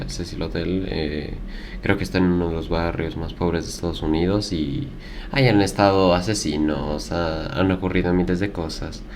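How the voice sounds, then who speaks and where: A man's voice: low-pitched, a little hiss or hum. A man hosting a casual podcast interview, asking questions and giving short reactions. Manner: short prompts and brief reactions. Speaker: podcast host.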